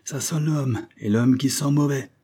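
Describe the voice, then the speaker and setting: A man voicing a gruff, bold old sea captain who barks orders in rough sailor slang. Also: medium pitch, a little slow, mellow, pitched above the performer's own voice. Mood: gruff, bossy.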